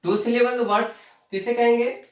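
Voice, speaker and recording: A man teaching a lesson, explaining terms slowly, repeating them and asking the class questions. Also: very high voice, steady tone. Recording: echoey room, voice from far off the mic.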